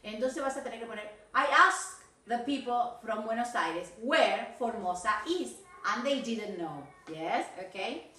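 A woman's voice: fairly high pitch, expressive, slow, pushed and bright, echoey room, far from the mic, a little hiss or hum. A woman English teacher with an Argentine Spanish accent, giving feedback on students' videos, mixing Spanish and English and correcting pronunciation and grammar.

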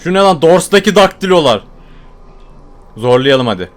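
A man playing a horror game and commenting as he goes, yelling when startled and whispering while he sneaks. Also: fairly high pitch, lively intonation, moderate pace. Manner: jumpy, shouts when scared, drops to hushed muttering when sneaking. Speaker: gaming YouTuber.

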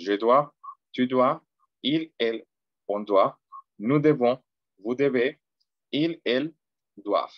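Male language teacher, slow and patient, dry muffled call audio. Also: mid-range voice, dry recording. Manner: slow, patient drilling of conjugations. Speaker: French teacher. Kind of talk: online language class. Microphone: video call.

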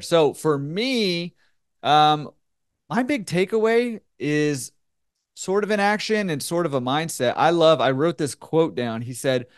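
A man's voice: on the high side, clean tone. A man hosting a podcast, upbeat and encouraging, talking casually with many fillers. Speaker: podcast host.

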